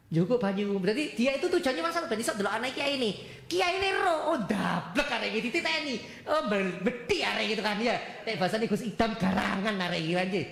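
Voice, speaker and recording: A man with an East Javanese accent preaching and answering audience questions as a lively storyteller, acting out dialogue and slipping into Javanese. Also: high voice, fast talker, creaky, few pauses. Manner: mixes Javanese into his talk. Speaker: Islamic preacher. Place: mosque hall. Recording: echoey mosque hall.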